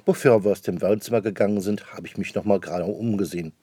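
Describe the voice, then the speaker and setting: A man reading a calm, steady father. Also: deep voice, quick pace, slightly rough, dry recording.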